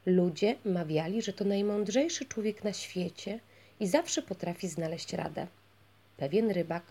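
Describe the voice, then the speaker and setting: A woman calmly reading a children's fairy tale aloud as the storyteller. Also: medium pitch, husky. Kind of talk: scripted narration of a children's tale.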